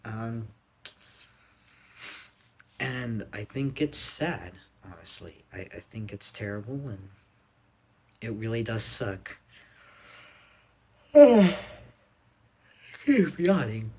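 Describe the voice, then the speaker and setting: A man's voice: on the low side, slow, pauses often, a little hiss or hum. A young man from the United States giving a rambling, blunt opinion monologue, full of fillers and restarts. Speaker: vlogger.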